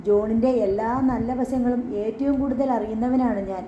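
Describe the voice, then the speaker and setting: An earnest, remorseful older police officer in a storybook, read by a woman. The voice is mellow and dark, set in a roomy, slightly dull recording. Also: a little high, steady tone, moderate pace, slight background noise, natural voice. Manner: earnest, explaining.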